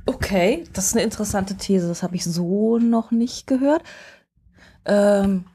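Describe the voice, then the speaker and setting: A woman's voice: medium pitch, a little slow, warm tone, slight background noise. A woman hosting an interview, asking questions in a hesitant, friendly way with many fillers. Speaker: interviewer, host. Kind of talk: conversational interview.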